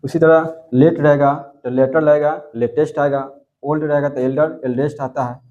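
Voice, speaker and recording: A man's voice: on the high side, steady tone, normal speed, dull audio. Man teaching grammar, quizzing himself aloud. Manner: repeats key words and quizzes himself with questions. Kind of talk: classroom grammar lesson. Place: coaching class.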